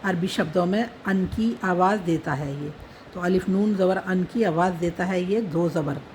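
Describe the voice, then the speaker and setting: Patiently teaching Urdu script, a woman writes each letter slowly, step by step, saying and repeating the names of letters and dots. She speaks on the low side, a little mellow, at a moderate pace; the rough recording has slight background noise.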